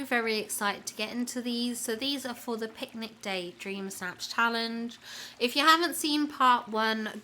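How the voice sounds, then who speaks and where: A woman's voice: fairly high pitch, bright, forceful tone, a little hiss or hum. A woman hosting a casual video review, slightly sniffly with a cold, gushing with praise as she comments. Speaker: channel host.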